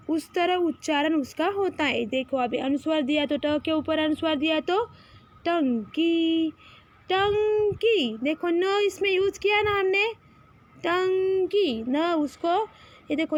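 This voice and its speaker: A woman whose first language is Marathi leads a children's alphabet lesson, with a very high voice. She speaks slowly, drawing out each letter so the class can repeat it. The sound is dry and close, with no room around it. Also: dry recording, dull audio. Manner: slow, drawn-out, patient, calls out letters for repetition. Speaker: teacher.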